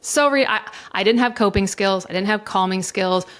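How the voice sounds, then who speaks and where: A middle-aged woman speaking frankly in a podcast interview, her pitch sitting in the middle of the range. Her talk is emotional and raw, with swearing mixed in as she tells her story. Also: normal speed. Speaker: divorce coach and mediator guest. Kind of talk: candid conversational interview.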